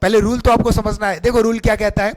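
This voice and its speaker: A man's voice: sits high, flat delivery, fast. A man teaching English pronunciation in an online class. He talks in a sing-song way and keeps asking questions and answering them himself. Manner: sing-song, repeats questions back to students.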